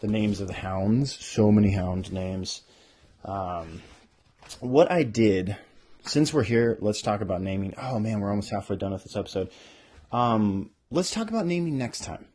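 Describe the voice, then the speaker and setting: A man talking casually as an author hosting a podcast, animated and often interrupting himself as he thinks aloud. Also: lowish voice, unhurried. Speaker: author hosting a podcast about their own book. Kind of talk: casual rambling talk with bits read aloud.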